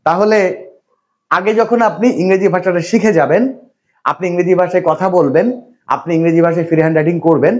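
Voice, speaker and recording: A man's voice: high-pitched, fast, darkish tone. Man teaching a class in a lo-fi recording. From Bangladesh. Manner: asks the class questions, repetitive and reassuring. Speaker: English teacher. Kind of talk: classroom lecture.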